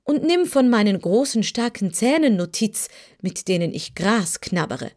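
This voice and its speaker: A woman's voice: medium pitch, very animated, a little slow, darkish tone, voice pushed up. Woman voicing Jim, a boastful old cab horse. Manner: pompous, lecturing.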